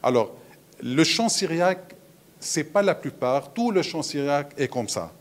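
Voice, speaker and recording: A man's voice: fairly high pitch, lively intonation, a little slow. A man, a musicologist explaining things at a round table, with frequent hesitations. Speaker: musicologist on a panel. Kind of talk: round-table lecture talk.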